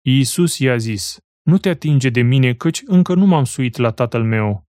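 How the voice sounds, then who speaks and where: A man reading scripture aloud in a measured, solemn way, slowing for the quoted words. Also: mid-range voice, expressive, warm tone, no room sound, studio quality. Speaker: Bible reader.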